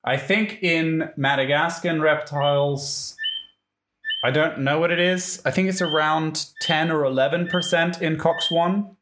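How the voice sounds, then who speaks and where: A man's voice: mid-range voice, a bit bright, slight background noise. Male scientist, casual explainer who revises his sentences as he goes, echoey room sound. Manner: thoughtful, corrects himself mid-sentence. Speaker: scientist answering listener questions. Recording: roomy echo.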